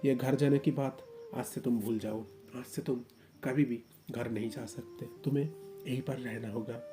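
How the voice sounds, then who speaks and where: A man's voice: mid-range voice, fairly even intonation, normal speed, over music, natural voice. A man voicing a possessive young husband who gives stern, commanding orders.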